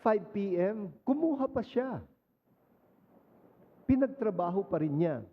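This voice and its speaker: A priest with a Filipino accent giving a Sunday homily in a conversational storytelling way, mixing in English phrases. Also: male voice, sits high, expressive, slow pace. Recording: muffled lo-fi recording.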